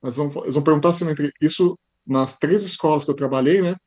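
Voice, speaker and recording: A man from Brazil with a São Paulo Portuguese accent, a podcast guest telling stories in a lively casual way with frequent tag questions. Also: on the high side, quick pace, slightly rough. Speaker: podcast guest, high school teacher. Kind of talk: casual interview storytelling.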